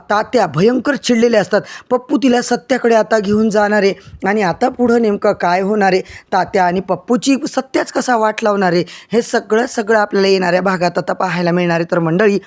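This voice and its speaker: A man narrating a TV serial recap in a dramatic style, often calling out to the audience. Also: high voice.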